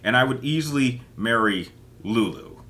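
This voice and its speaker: A man's voice: mid-range voice, lively intonation, moderate pace, pushed and bright. A man hosting a casual solo chat as he plays kiss-marry-kill, rambling and hesitant and often repeating his words. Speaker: host.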